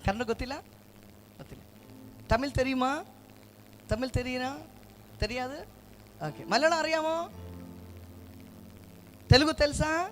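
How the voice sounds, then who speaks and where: High-voiced preacher leading a call-and-response. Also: male voice, noisy background. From Karnataka, India. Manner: urges the crowd to answer loudly, repeats verses slowly. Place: church gathering with a congregation.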